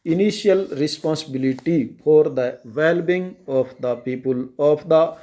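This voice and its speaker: A man with an Indian accent reading a dictation aloud in measured, halting phrases for shorthand practice. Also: fairly high pitch, warm tone. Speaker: stenography dictation reader.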